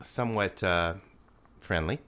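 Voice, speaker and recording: A Rapid City, South Dakota man with a low, clear, resonant voice and a fairly bright, slightly nasal tone co-hosts a laid-back podcast at a measured pace. He jokes his way through listener comments, laughing frequently.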